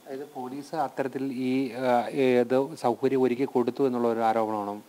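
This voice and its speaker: Fast, flat-toned male field reporter. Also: medium pitch. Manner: rapid flat questioning. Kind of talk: live news report and interview questions.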